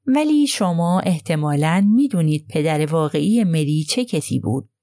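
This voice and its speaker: A woman voicing a gentle male detective who murmurs his questions softly. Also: deep voice, expressive, no echo, clean studio sound.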